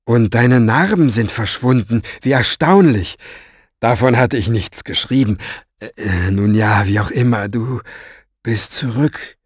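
A man putting on a pompous, half-drunk grown man who drawls his words slowly and loudly. The voice sits at a middling pitch, and the recording is dry and close. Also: animated, breathy edge, dry recording. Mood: stammering, gushing. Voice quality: loud, drawling, theatrical.

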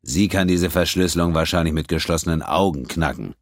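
A man voicing a menacing, smug male space pirate in an audiobook, calm, growling and mocking. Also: low-pitched, brisk, no echo, studio quality. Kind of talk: audiobook character voice.

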